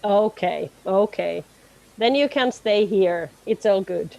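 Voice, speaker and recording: A woman's voice: mid-range voice, slow, vocal fry, darkish tone, slight background noise, low-quality recording. A woman facilitating an online meeting, friendly and laughing often as she coaxes people to speak. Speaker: session facilitator.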